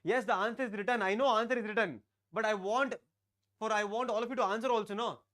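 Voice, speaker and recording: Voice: medium pitch, fairly even intonation, fast, fairly bright tone. A teacher, giving a live online class and often repeating phrases while talking to students in the chat. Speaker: English teacher.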